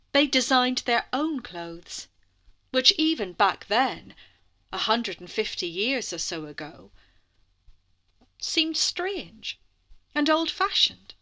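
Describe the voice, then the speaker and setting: Here a woman narrates a kids' bedtime tale in a lively, expressive style. She stretches out the dramatic moments, softens certain passages, and speaks with a higher-leaning voice.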